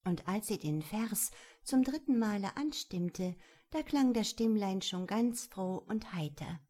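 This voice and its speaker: A woman narrating a children's storybook in a measured, gentle storytelling manner. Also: mid-range voice, expressive. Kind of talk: storybook reading.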